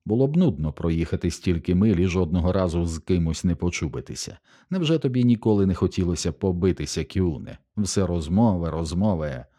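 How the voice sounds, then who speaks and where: Man voicing a contemptuous, weary nobleman in an audiobook, deep, mellow and unhurried. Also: animated. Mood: cold. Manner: cold, contemptuous, measured. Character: cold, haughty nobleman, weary of violence.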